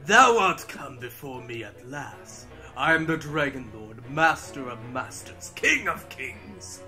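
A man's voice: mid-range voice, very animated, takes it slowly, pushed and bright, faint music behind, full character voice. A man playing a pompous villainous Dragon Lord. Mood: grand menace. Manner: archaic, pompous speech. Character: menacing male Dragon Lord villain, grand.

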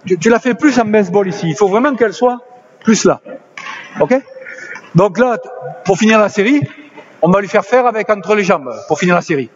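A man coaching basketball players on court, directing drills with quick commands and encouragement. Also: high voice, lively intonation. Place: indoor basketball gym. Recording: slightly dull lo-fi sound with faint noise.

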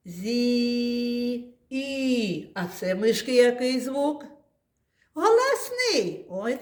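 A woman's voice: on the high side, echoey room. A woman teaching a phonics lesson to small children, talking in a patient, sing-song way. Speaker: kindergarten teacher.

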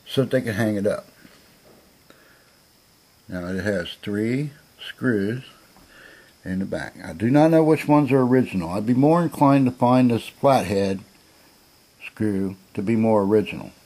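Narrating from behind a handheld camera in an indoor room, an American man presents an item for sale in an informal video, blunt, sure of himself and folksy in his phrasing. His fairly low, slightly mellow voice is lively in intonation, unhurried and broken by long pauses.

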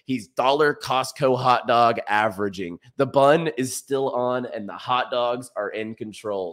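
Young American man, casual market commentary. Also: medium pitch. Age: young adult. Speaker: crypto show host. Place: small indoor room, streaming setup.

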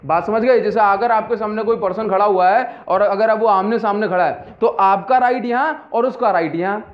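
A man's voice: high voice, moderate pace, muffled recording. A man teaching a physics lesson in a lecture style, repeating key terms and checking that students follow. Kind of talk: classroom lecture.

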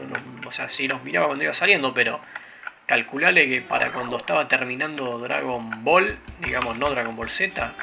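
Over video game music, a let's play host with a Rioplatense Spanish accent gives loose, wandering commentary on his gameplay, stuffed with fillers and side stories. His voice sits in the mid range and has a creaky quality.

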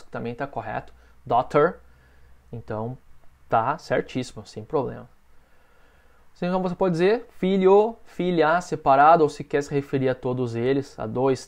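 Brazilian male English teacher for beginners, patient and repetitive, voice sits a bit high. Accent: Brazilian Portuguese. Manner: patient, drills phrases with slow spoken models. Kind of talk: online English lesson for beginners.

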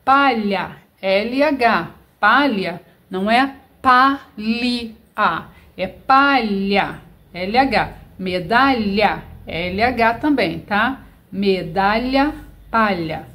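A woman's voice: mid-range voice, animated, drawn-out words, a bit bright. A woman teacher, dictating sentences word by word and spelling out letters. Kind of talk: slow dictation lesson.

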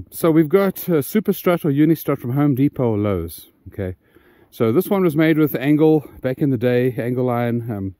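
A man's voice: medium pitch, expressive, normal speed, warm tone, dry recording. A man walking through his homemade solar panel mount outdoors, rambling with many ums and restarts, a bit out of breath. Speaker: DIY solar channel host. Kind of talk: casual walkthrough vlog.

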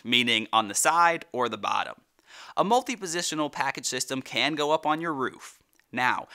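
A man's voice: a little high, pushed and bright. A young man hosting a company explainer video, speaking upbeat and friendly to camera from a studio set. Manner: upbeat, friendly, talks with his hands.

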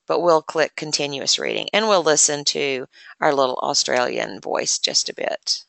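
Low, bright-voiced woman demonstrating software. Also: very animated, moderate pace, vocal fry, no echo. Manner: chatty, explains step by step with many fillers. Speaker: assistive technology presenter.

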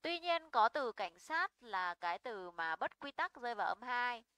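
A young woman teaches English stress rules, her voice bright and crisp. She is patient and keeps checking that her students follow. The sound is dry and close, with no room echo. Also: on the high side, very animated, normal speed. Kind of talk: online English pronunciation lesson.

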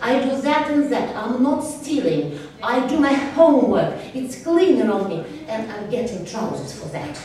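A woman's voice: on the high side, big pitch swings, measured pace, darkish tone. A woman doing a prim, preachy German boy. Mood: earnest. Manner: earnest, lecturing. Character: well-behaved German boy, earnest and preachy. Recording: echoey hall, speaker far from mic.

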